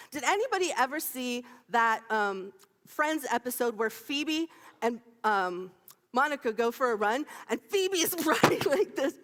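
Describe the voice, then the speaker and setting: A woman minister in her fifties preaching a sermon in a church sanctuary, playful and animated, laughing often and calling out to the congregation. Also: sits high. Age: 50s. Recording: long reverb of a large sanctuary.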